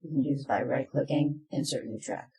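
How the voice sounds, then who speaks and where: Here the tutorial narrator moves briskly, with vocal fry in a medium-pitched voice. The instructions are plain and step by step, captured in an echoey space.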